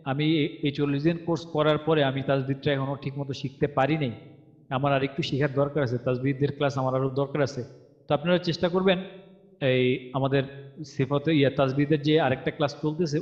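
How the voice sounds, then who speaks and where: A male recitation teacher talks through the rules with patience. He slows down to chant each verse as a model. His voice comes through a dull, muffled line and trails off with a long echo. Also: on the high side, a little mellow. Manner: explains patiently, chants verses slowly to demonstrate. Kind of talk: online tajweed lesson. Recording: dull audio with long reverb.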